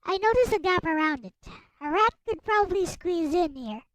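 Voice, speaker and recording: A woman streamer and host with a high, girlish voice reads a visual novel aloud, tossing in playful, casual commentary. Her intonation is lively and her pace moderate, and the dry, rough recording has music playing behind her.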